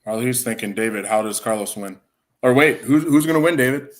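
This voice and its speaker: A man's voice: medium pitch, fast. Rambling man with a Wisconsin accent. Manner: rambling, many restarts and fillers. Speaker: podcast host. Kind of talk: casual chat.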